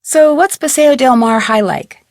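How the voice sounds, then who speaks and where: A woman plays a polite, inquisitive teenage girl detective for an adventure game, reading her scripted lines earnestly and sounding curious. Her high-pitched voice moves at a measured pace, captured in a dry, studio-quality recording.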